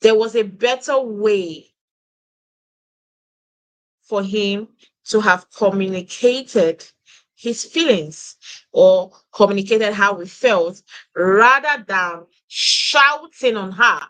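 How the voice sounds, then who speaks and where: A woman's voice: medium pitch, slow pace, long pauses, fairly bright tone, poor audio. A woman on a reality TV review panel, talking earnestly and reasoning through her points with repeated words. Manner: earnest, reasoning aloud with repetitions. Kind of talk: casual reality TV review chat.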